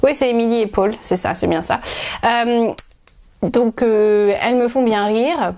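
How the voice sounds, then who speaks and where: A woman's voice: fairly high pitch, a little slow, a little mellow. A woman hosting a knitting video podcast from home, chatting casually to her viewers in a rambling way with many hesitations and restarts.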